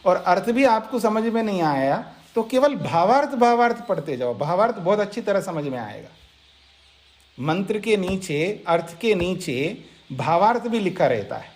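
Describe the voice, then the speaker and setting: A man's voice: sits high, very animated, normal speed. A man, a monk, giving an explanatory scripture lecture, speaking directly to listeners and repeating key points. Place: ashram lecture setting.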